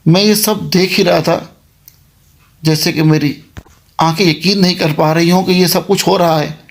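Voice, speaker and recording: A man's voice: high-pitched, fairly even intonation, normal speed, gravelly. A man narrating a first-person horror story in a plain, conversational recounting manner.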